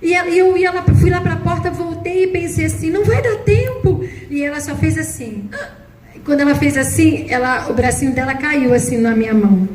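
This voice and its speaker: A woman's voice: a little fast, darkish tone, soft background music. A woman missionary preaching a sermon and telling a personal testimony with emotional, dramatic delivery. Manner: emotional, dramatic retelling, voice rising high at climaxes. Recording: echoey room, faint noise.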